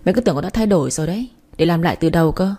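A spiteful young stepmother, voiced by a woman in a spoken story, sneering and feigning innocence. Her voice is dark and breathy. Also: on the low side, lively intonation, rapid-fire. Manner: sneering, falsely sweet.

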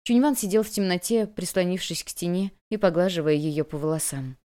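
A woman narrating a novel in a measured, even storytelling manner. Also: on the low side. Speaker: audiobook narrator. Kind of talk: scripted narration.

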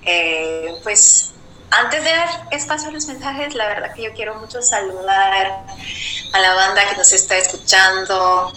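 A woman from Guadeloupe, a guest artist speaking slowly and reflectively on live radio. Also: medium pitch, sharp tone. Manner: slow, reflective, hesitant. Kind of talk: live radio conversation over a remote call. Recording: echoey remote line with noise.

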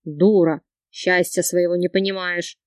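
A woman's voice: sits low, moderate pace, a little mellow, no room sound, studio quality, pitched below the performer's own voice. A woman voicing a coarse, bullying middle-aged man who barks threats in a storybook reading. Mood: angry. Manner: gruff, barking threats.

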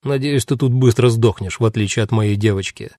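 A man's voice: mid-range voice, fairly quick, mellow, no room sound, studio quality, close to an everyday voice. A man doing a crude swaggering prisoner. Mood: mocking. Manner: coarse, mocking slang. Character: crude swaggering male prisoner, mocking and vulgar.

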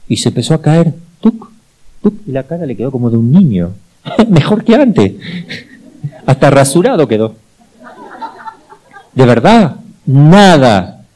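Argentine priest with a dark, mellow voice. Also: male voice, mid-range voice, unhurried, long pauses, poor audio. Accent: Argentine Spanish. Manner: lively storyteller, tag questions, repeats himself for emphasis. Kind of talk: teaching talk with personal anecdotes.

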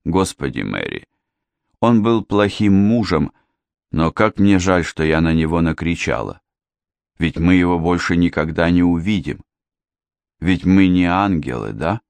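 A man's voice: sits low, animated, a little slow, gravelly, darkish tone, no echo, full character voice. A man reading a melodramatic grieving widow. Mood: sobbing. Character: theatrical grieving widow, dramatic and self-pitying.

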